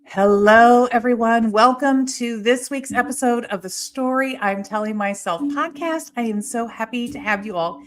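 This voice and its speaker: A woman hosts a live-streamed podcast over a video call, chatting and greeting viewers by name. Her voice is a little high, at a moderate pace with hardly any pauses. There's a little hiss or hum in the recording.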